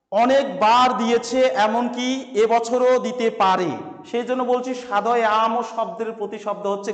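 A man with a very high voice teaches an exam revision lesson, asking rhetorical questions and repeating each answer. His voice rings through a room with a long, lingering reverb.

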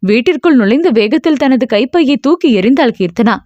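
A woman narrating a novel in a steady storytelling manner. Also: high-pitched, fairly quick, no room sound, dull audio. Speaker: audiobook narrator. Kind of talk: scripted narration.

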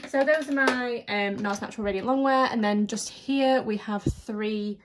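A beauty vlogger in her twenties chats enthusiastically to camera from her makeup room at home, sounding slightly nasal from hay fever and repeating "really, really." Her fairly high voice moves at normal speed over a noisy background. The camera sits in front of her, with some close-up product shots.

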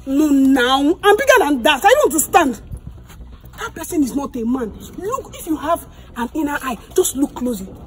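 A woman scolding loudly and indignantly in a comedy skit. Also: high-pitched, very animated, normal speed. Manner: indignant, loud scolding with sharp swings. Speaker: comic actor.

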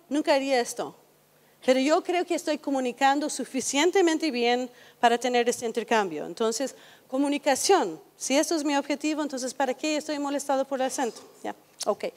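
A high-pitched woman lectures in a relaxed, conversational way and keeps turning questions back to her audience. Her voice carries a long reverb, as if recorded in a large hall. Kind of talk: educational talk to an audience.

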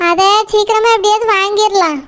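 A woman's voice: extremely high pitch, steady tone, a little fast, a bit bright. A woman with a Tirunelveli Tamil accent voicing a sympathetic village neighbour in a cartoon. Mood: consoling. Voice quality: explaining, consoling. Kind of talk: cartoon voice acting.

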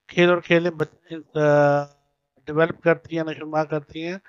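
Slow-paced male teacher explaining a lesson. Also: fairly high pitch, fairly bright tone, dry recording. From Pakistan. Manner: reads each point then translates and explains it, checks that the children follow; spells words out slowly and repeats them. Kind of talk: recorded lesson explanation for young pupils. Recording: dull lo-fi recording.

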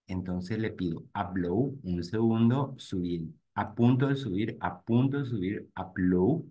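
Low-voiced man teaching an ad webinar. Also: a little mellow, dull audio. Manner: talks to "gente" directly while clicking through screens, thinking aloud. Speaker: real estate marketing instructor. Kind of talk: live webinar walkthrough.

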